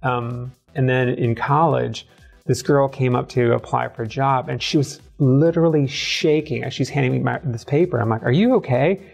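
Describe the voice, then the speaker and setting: A middle-aged man from the American South, a guest in an interview, talking candidly with a quick, self-deprecating, sardonic wit. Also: mid-range voice, fairly even intonation, gravelly, darkish tone, slightly rough, faint music behind. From southern United States. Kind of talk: candid conversational storytelling.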